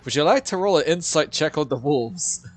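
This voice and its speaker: A man running a tabletop game as game master, playful and lively. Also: on the high side, moderate pace.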